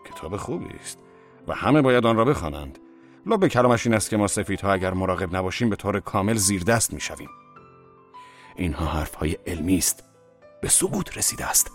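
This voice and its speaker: Man doing a blunt, forceful rich man. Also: sits low, animated, soft background music. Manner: forceful, insistent. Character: brash wealthy man, blunt and bigoted.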